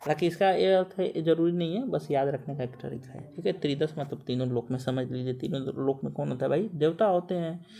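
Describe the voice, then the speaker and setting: A man's voice: a little high, a little fast, gravelly, dark tone. A male teacher leads an exam-prep lesson, repeating lists of words again and again. He keeps urging listeners to shut their eyes and recite along in a patient, drilling manner. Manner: repetitive drilling, coaxing students to close eyes and recite. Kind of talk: memorization lesson.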